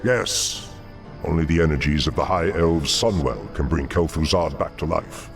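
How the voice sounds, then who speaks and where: An actor playing a scheming, haughty demon lord in a fantasy video game, speaking in a formal, ominous, commanding manner. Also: male voice, rumbling low, moderate pace. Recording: dramatic music behind the voice.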